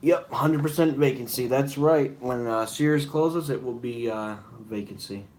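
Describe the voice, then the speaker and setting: A man's voice: medium pitch, unhurried, a little mellow, slight background noise. A young man hosting a casual live-stream Q&A, rambling with many fillers and apologies. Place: room at home with noise behind.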